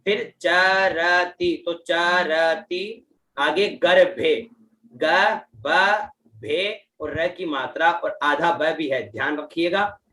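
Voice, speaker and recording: A man teaching Vedic mantra chanting, patiently spelling out each syllable and its pitch accent. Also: very slow, bright, forceful tone. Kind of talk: teaching Sanskrit mantra pronunciation. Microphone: online class setup. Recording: roomy echo, distant from mic, faint background noise.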